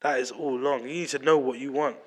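A man's voice: mid-range voice, fairly even intonation, a little fast, husky. A man in his late twenties with a London roadman accent, chatting casually and emphatically as a podcast host, repeating himself and using slang. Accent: London roadman (urban London slang accent). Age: late 20s. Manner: emphatic, repetitive, slang-heavy. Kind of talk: casual opinionated chat.

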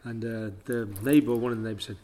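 A man's voice: mid-range voice, level tone, fast talker, dark tone. A middle-aged man from Leicester, a writer chatting bluntly as an interview guest and telling stories with lots of "you know what I mean". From Leicester, England. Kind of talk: casual storytelling chat.

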